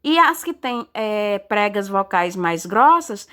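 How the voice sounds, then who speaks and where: In a recorded online science class, a woman with a medium-pitched, sharp voice explains step by step and keeps checking in with her students. She's very animated, yet goes slowly with frequent checking tags and hesitations.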